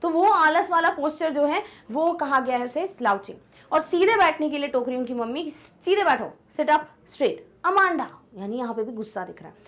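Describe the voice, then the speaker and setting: A young woman teacher explaining an English poem in a chatty way, often checking whether students follow and reading the English lines slowly. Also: high voice, animated, a bit bright. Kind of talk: online lesson explaining an English poem in Hindi.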